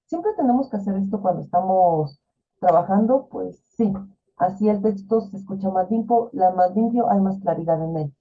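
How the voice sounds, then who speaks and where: A woman's voice: mid-range voice, moderate pace, soft background music. A woman teaching an online class, explaining in a chatty way with fillers and rhetorical questions. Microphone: video call. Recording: tinny phone-like video call audio.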